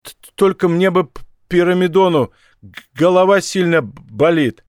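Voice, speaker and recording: A man voicing a captured male army major who stammers slowly, as if his head aches. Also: high-pitched, animated, a little mellow, dry recording, pitched above the performer's own voice. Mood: pained stammer. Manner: stammering, slow, pained.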